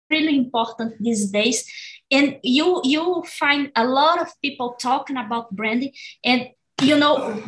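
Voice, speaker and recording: A woman's voice: high voice, fairly bright tone, poor audio. Woman explaining branding, searching words. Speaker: brand marketing specialist. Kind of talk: expert comment in interview.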